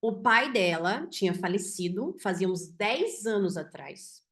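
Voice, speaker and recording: A woman physician with a Brazilian Portuguese accent tells a patient case to her audience. She speaks in an animated way and often ends her sentences with "né?". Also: mid-range voice, unhurried. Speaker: physician teaching symbolic medicine. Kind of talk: storytelling a case to an online audience.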